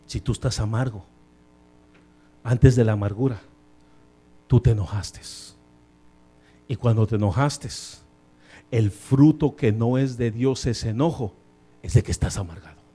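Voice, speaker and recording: A male pastor preaching a sermon in a church. He talks in animated bursts, swinging between loud emphasis and quiet asides, and drops in English phrases now and then. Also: medium pitch, measured pace, pauses often, slightly rough. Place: church sanctuary.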